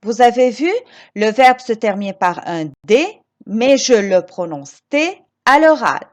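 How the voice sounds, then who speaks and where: A woman teaching grammar to children, slow and emphatic, repeating each example and encouraging her pupils with questions. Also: a little high, expressive, muffled recording. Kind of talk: recorded grammar lesson for children.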